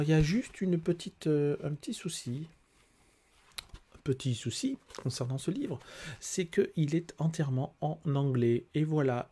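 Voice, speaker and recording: Hesitant, husky-voiced French man. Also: mid-range voice, warm tone. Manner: hesitant, many fillers and restarts, explains patiently. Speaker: tarot reader and life coach. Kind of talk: casual product review.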